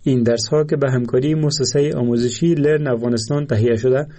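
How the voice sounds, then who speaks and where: Male presenter, Afghan accent, dark mellow tone, medium pitch, formal scripted introduction. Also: fairly even intonation. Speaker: educational radio presenter.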